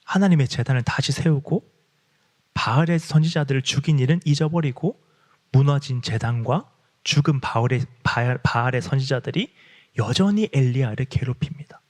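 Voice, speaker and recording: A man preaching a sermon, who acts out heartfelt prayers in a hushed, breathy voice. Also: medium pitch, moderate pace.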